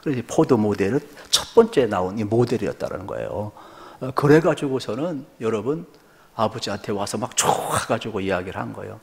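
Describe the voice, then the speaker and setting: A male pastor delivers a sermon in a church sanctuary, his voice carried by a long hall reverb. He shifts from loud, rising appeals to a quiet storytelling tone and keeps calling out to the congregation with questions. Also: lowish voice, animated, a little fast, gravelly. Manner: swings from loud rising exhortation to soft storytelling; addresses the congregation often, asks rhetorical questions.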